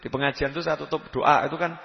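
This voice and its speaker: A man giving a religious lecture, lively and emphatic, dropping to soft asides. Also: on the high side, quick pace, creaky. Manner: lively preaching, rising to emphatic calls, drops to soft asides. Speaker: preacher. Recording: lo-fi reverberant hall recording.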